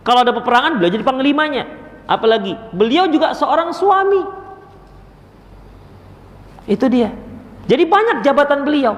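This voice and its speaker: A man's voice: high voice, fairly bright tone. A man preaching a religious study session, telling stories and acting out family members in quoted voices. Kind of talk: sermon. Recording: echoey hall.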